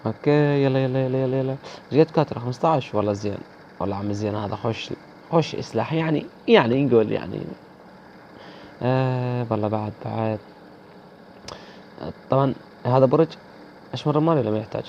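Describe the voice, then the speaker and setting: A man's voice: medium pitch, quick pace, long pauses, mellow, muffled recording, a little hiss or hum. A man with an Iraqi accent commenting live on his gameplay, teasing opponents and chatting to viewers. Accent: Iraqi Arabic. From Iraq. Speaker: gaming video host.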